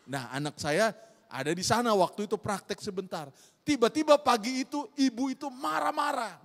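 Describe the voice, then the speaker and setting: A middle-aged man preaches to his congregation in a high, ringing voice, his words trailing off into the long reverb of a church hall. He keeps calling out to his listeners, rising into loud exhortation and then dropping to soft, confiding storytelling. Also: normal speed, creaky. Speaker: pastor. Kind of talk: sermon.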